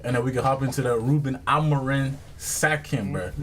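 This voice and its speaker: A man's voice: medium pitch, a little fast. Male podcast host, heavy street slang, casual sports banter, some background noise. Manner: heavy urban slang, mandem and bro. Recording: noisy background.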